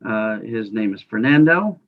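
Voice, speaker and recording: A man's voice: lowish voice, expressive, unhurried. Casual man hosting, dull lo-fi sound. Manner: informal, rambling, many fillers. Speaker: podcast host. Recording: slightly dull lo-fi audio.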